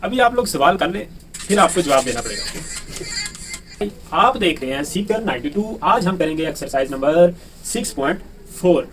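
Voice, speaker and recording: A man's voice: on the high side, expressive, moderate pace, a bit bright. A man teaching a math lesson who keeps asking rhetorical questions and answering them himself, often repeating key words for emphasis. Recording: distant mic with faint background noise.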